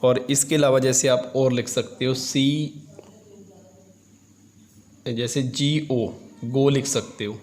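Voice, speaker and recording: A man teaches an English grammar lesson in Hindi, his voice sitting at an ordinary middle pitch. He talks the class through each idea step by step, posing questions and answering them himself. When he dictates English terms, he stretches them out slowly. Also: steady tone, darkish tone, slight background noise.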